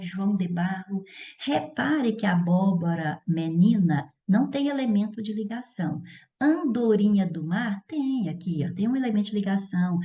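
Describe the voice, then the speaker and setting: A woman teacher giving a recorded grammar lesson, explaining step by step and often checking in with the listener. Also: medium pitch. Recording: echoey room, slightly dull sound.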